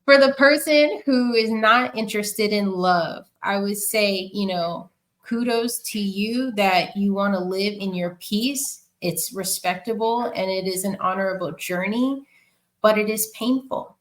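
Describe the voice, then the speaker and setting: A woman with a New York accent speaks as a guest on a podcast, answering questions over an online video call. She gives earnest, measured advice at a mid-range pitch, moving steadily through long sentences with occasional fillers. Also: rough recording. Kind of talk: interview answers, giving advice.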